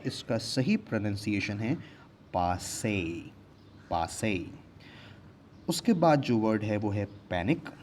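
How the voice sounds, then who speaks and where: A man teaching English vocabulary in a slow, deliberate way, repeating each pronunciation. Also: lowish voice, darkish tone, slight background noise. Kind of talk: bilingual language lesson.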